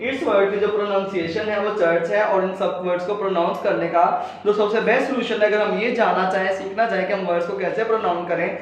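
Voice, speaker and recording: A man's voice: high voice, fairly even intonation, quick pace, few pauses. A man teaching English pronunciation in a recorded video lecture, patiently explaining and spelling words out letter by letter. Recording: very echoey room, distant mic, dull sound.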